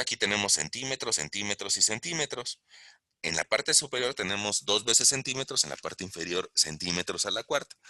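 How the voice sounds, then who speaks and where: Deep-voiced man lecturing. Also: sharp tone, no echo, studio quality. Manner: explains step by step, asks the class questions. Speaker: engineering lecturer. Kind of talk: recorded online lesson. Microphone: close mic while writing on a tablet.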